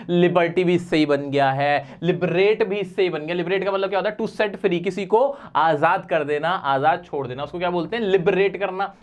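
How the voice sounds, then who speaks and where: Playful high-voiced male teacher. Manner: playful, chatty, asks viewers questions. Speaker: vocabulary teacher. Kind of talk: energetic exam-prep lesson.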